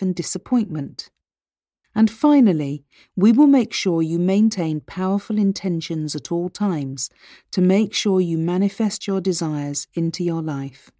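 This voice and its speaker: A woman reading a scripted hypnosis narration as presenter, with measured, deliberate phrasing that speaks directly to the listener. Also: lowish voice, warm tone, no echo, studio quality.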